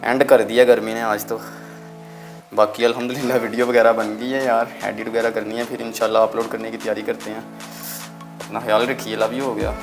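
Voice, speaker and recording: A man's voice: lowish voice, level tone, a little fast, music in the background. Chatty man vlogging among his birds. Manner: chatty, addresses viewers as friends, coaxes his birds. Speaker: bird-keeping vlogger. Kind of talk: casual vlog chat. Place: at home, among bird cages.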